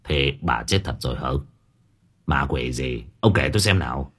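Swaggering young village thug, read by a man: husky, brash, quick and lively. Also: rumbling low, voice pushed down, full character voice. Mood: curious. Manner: cocky, fast and mocking.

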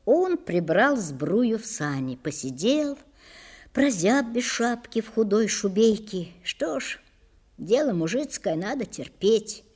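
A woman narrating a historical audiobook with expressive storytelling. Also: mid-range voice, takes it slowly, husky.

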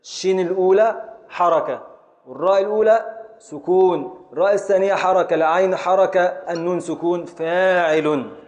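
A man's voice: high voice, brisk, a little mellow. Brief: Egyptian Arabic male scholar, raised voice, drilling students on poetic meter in class. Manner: quizzing students, scanning verse syllable by syllable. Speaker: Islamic scholar teaching Arabic grammar and prosody. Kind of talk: classroom lesson.

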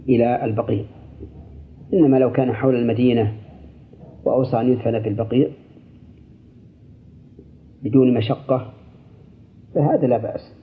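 An older man, an Islamic scholar, answering listener questions on a radio program in a measured, deliberate way. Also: medium pitch, steady tone. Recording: tinny, lo-fi radio broadcast.

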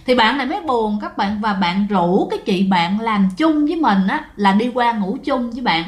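A woman's voice: a little high, animated, moderate pace, echoey room. A woman telling a ghost story in a casual, chatty way, addressing listeners directly.

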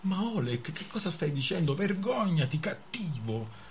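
A man's voice: a little high, sing-song, unhurried, a little hiss or hum, voice pushed up. A man voicing a tearful, fickle young woman. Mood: protesting. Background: music.

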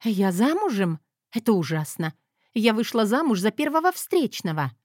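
A woman of middle pitch reads a first-person audiobook in a soft, confiding way. The recording is dry and close, with no room sound. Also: very animated, normal speed, no room sound. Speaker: audiobook narrator.

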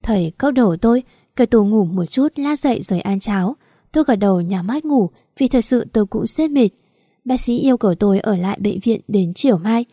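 A woman narrating a first-person romance story in a soft, steady read. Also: medium pitch, brisk, no echo, studio quality. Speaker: audiobook narrator.

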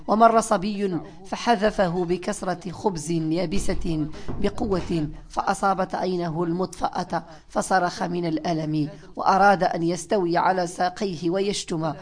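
A woman narrates a novel in the first person with measured, expressive delivery. Her voice sits somewhat low for a woman. The reading stays steady and deliberate. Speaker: audiobook narrator. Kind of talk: literary audiobook narration.

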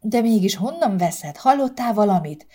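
Woman reading as a gentle pleading wife. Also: mid-range voice, lively intonation, pitched above the performer's own voice, natural voice. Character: timid but loyal wife and mother.

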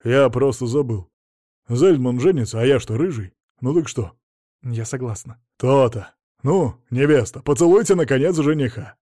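A man reading an audiobook, voicing a hot-tempered, boastful middle-aged businessman who shouts and blusters. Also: medium pitch, lively intonation, normal speed, no echo, clean studio sound, close to an everyday voice. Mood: gruff.

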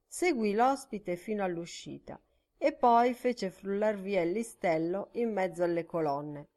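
A woman narrating a classic novel at a measured, careful pace. Her voice sits at an ordinary middle pitch and stays even through long descriptive passages. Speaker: audiobook narrator. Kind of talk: literary audiobook narration.

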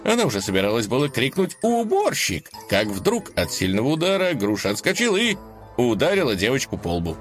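A man reading a children's storybook aloud in an expressive, lively way, with faint music underneath. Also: medium pitch, quick pace. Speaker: narrator.

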